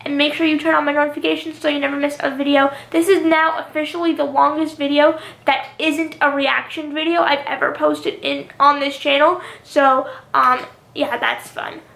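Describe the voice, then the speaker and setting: A young woman vlogging casually, rambling and filling gaps with "um" and "literally", a little hoarse from talking a long time. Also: high voice, little pitch movement, moderate pace, few pauses, fairly bright tone, roomy sound. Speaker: YouTuber. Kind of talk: casual vlog monologue.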